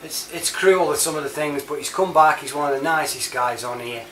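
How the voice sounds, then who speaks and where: Picked up by a distant mic in a roomy space with clear background noise, this British man talks fairly quickly in a fairly high, slightly bright voice. An online reviewer and CB chat app user, he delivers a loose, rambling monologue, matey and chatty, full of informal slang.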